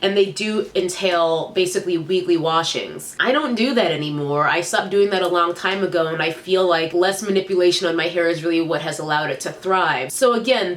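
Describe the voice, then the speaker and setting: In a small indoor space, a young vlogger with a lowish voice gives a bubbly rundown of hair products. She's clearly got a cold, sounding nasal and blocked up, and a little hiss or hum runs through the audio.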